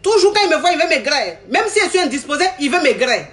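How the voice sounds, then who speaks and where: Animated woman telling her own story. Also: high voice, fast. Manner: animated, repeats herself, acts out quoted talk. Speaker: woman giving a testimony. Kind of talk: candid personal storytelling.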